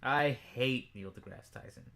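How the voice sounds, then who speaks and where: A man co-hosting a casual podcast, goofy and jokey, swinging from mumbles to loud outbursts. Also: medium pitch, normal speed, gravelly, a crowd in the background. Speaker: podcast co-host. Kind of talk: casual chat.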